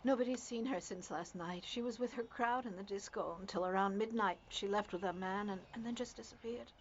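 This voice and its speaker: A woman's voice: medium pitch, fairly quick, natural voice. An actress playing a frantic mother whose daughter is missing, anxious and pleading. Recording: dull lo-fi dubbed film audio with faint hiss.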